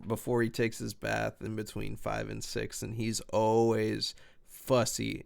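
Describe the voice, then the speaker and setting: A man's voice: lowish voice, gravelly, clean tone, dry recording. A young adult man chatting casually as a podcast guest, laid-back and laughing easily.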